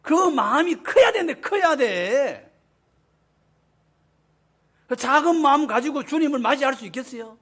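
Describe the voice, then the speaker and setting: A man's voice: extremely high pitch, animated, a little slow, pauses often, fairly bright tone. A man, preaching a sermon as pastor, emphatic and often asking the congregation questions. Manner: emphatic, asks the congregation questions, acts out quotes.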